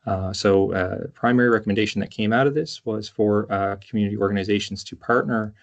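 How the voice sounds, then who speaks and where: A man giving a halting online conference presentation, hesitant and constantly pausing with uhs. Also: on the low side, fairly even intonation. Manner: hesitant, very frequent uhs and pauses. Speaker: conference presenter from a justice charity. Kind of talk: halting presentation on a video call. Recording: dull, lo-fi online call audio.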